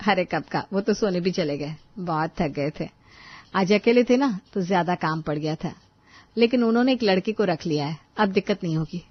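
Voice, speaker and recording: A woman voicing a calm, sensible older sister-in-law in a cartoon, speaking in a measured way. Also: fairly low pitch, dry recording, voice pushed down. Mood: tired. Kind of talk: cartoon voice acting. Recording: dull dry studio voice-over.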